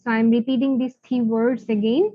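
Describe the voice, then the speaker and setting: Slow, encouraging woman teacher. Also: on the high side, level tone, no room sound, highs cut off. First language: Bengali. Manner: encouraging, mixes Bengali and English, repeats words for drilling. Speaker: English teacher. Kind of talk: online live class, pronunciation drill. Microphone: video call.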